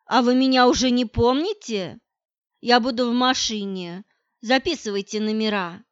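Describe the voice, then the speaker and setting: A woman's voice: a little high, moderate pace, clean tone, no room sound, dull audio, close to an everyday voice. A woman reading the lines of a confident, coquettish young woman in an audiobook, in a sweet, coaxing manner.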